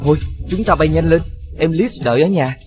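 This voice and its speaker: A caring, protective eldest prince from a cartoon fairy tale, voiced by a man. He speaks gently and reassuringly in a slightly high voice, with faint music behind. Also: fairly quick, lightly acted.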